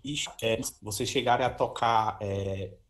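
A man's voice: fairly low pitch, steady tone, unhurried. A man teaching a casual trombone lesson, talking freely and singing short syllables to show articulation. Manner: chatty, sings syllables, many "ó" and "né" tags. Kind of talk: informal music lesson.

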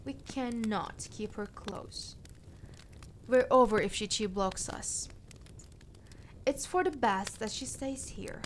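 Woman as slow, scheming Princess Azula. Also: on the high side. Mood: conspiratorial, wary. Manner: measured, conspiratorial, deliberate. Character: scheming young fire princess, commanding and calculating. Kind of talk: ASMR roleplay, addressing the listener. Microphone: close binaural microphone. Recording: clear background ambience noise. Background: crackling fire and night ambience.

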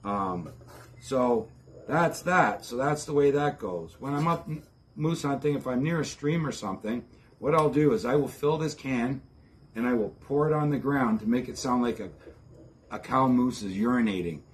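A plainspoken man in his fifties with an Ontario accent, talking at an ordinary mid pitch. He explains things casually and in a folksy way, like a how-to host outdoors on his patio, a little back from the camera. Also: expressive, normal speed, slight background noise. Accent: Ontario Canadian. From Ontario, Canada. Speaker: host of outdoor preparedness channel. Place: covered backyard patio, outdoors.

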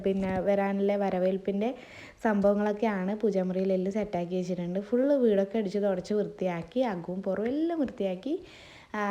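A woman's voice: medium pitch, dark tone, muffled recording. A woman narrates a family vlog in a chatty, rambling way, her voice wavering from a sore throat. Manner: chatty, rambling, speaking to viewers. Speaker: family vlogger. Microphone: phone.

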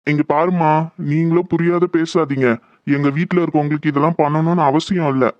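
A man's voice: on the high side, fairly even intonation, fairly quick, no room sound, lo-fi sound, lightly acted. A man playing a firm, defensive village householder. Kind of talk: dramatized horror audio story.

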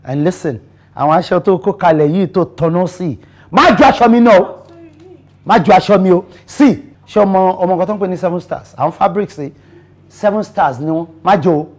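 A man's voice: high-pitched, fairly quick, a little mellow. An actor with a Nigerian accent playing a young man who lectures his housemate and then pleads with his girlfriend. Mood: bossy. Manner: code-switching, bossy, then stammering and pleading. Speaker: fiancé in a domestic drama.

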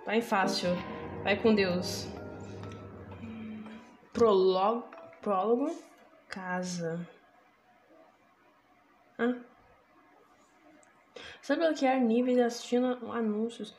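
A woman's voice: fairly high pitch, extremely slow, pauses often. A woman with a Brazilian Portuguese accent hosting a casual, profane let's play of a horror game, laughing along. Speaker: gaming channel host. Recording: echoey room, game music behind.

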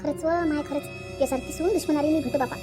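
A woman's voice: high-pitched, steady tone, quick pace, warm tone, soft background music, close to an everyday voice. Woman playing a scolding old cartoon mother-in-law. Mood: lamenting. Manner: scolding, grumbling, lamenting.

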